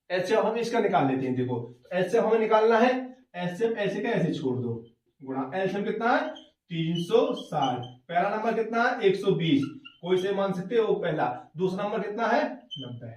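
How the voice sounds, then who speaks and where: A man with a high voice works through a math lesson step by step, answering his own questions as he goes. He stands away from the mic in a room that echoes. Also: darkish tone, recorded from a distance. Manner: calls students "beta". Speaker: math teacher.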